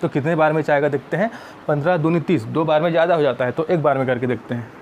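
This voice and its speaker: Male math tutor, slightly high voice, patient and repetitive, faint hiss behind. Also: fast, a little mellow. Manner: patient, often addressing viewers as friends. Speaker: math teacher. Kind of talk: step-by-step classroom explanation.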